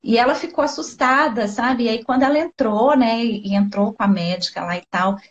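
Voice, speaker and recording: A woman with a Brazilian Portuguese accent tells a deeply personal story in a fairly high voice. She is heartfelt and tearful at times, and she leans on little tags like "né" and "sabe". The sound is a dull, lo-fi live stream over a video call. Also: fairly quick. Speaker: guest sharing a personal story.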